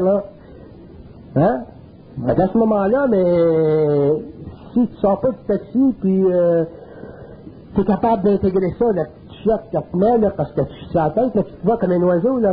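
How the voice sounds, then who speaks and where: High-voiced Quebec man lecturing earthily. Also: slight background noise. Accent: Quebec French. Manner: colloquial, earthy, emphatic. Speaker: speaker. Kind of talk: spiritual lecture. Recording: narrow phone-like old tape.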